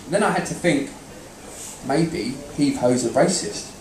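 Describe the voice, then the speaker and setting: A young man tells a stand-up story in a chatty way and keeps turning to banter with the audience. His voice sits somewhat high for a man. He is heard from a distance in a roomy venue, with a faint murmur behind him. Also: expressive, measured pace, darkish tone, slight background noise. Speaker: stand-up comedian. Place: comedy venue in front of an audience.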